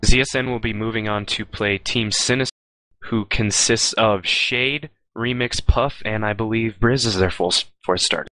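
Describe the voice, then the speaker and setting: A young man with a fairly low voice co-casting a live game match, bright and forceful in tone. He runs through announcements briskly and ribs his partner, recorded dry and close, with faint music underneath. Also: dry recording, poor audio. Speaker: esports caster. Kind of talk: live esports commentary.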